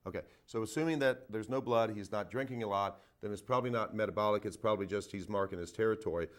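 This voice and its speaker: A man's voice: lowish voice, quick pace. A man hosting a call-in show as a veterinarian, giving casual advice with lots of fillers and "okay?" check-ins. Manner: folksy, repeats himself, frequent "okay?" and "uh". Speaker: veterinarian radio host taking calls. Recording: phone-in radio.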